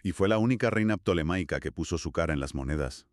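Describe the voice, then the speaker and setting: A man's voice: deep voice, lively intonation, fast talker, dry recording, studio quality. A man co-hosting a history podcast, reflective, prompting with questions and summaries in casual conversation. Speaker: podcast co-host asking questions.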